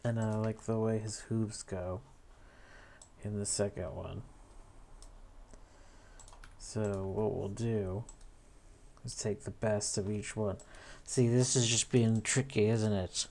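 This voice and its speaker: On the low side and a little mellow, the man speaks slowly and steadily, pausing often. He's a video editor thinking aloud through a casual tutorial, musing with tag questions as he demonstrates an edit against clear background noise of typing and clicking.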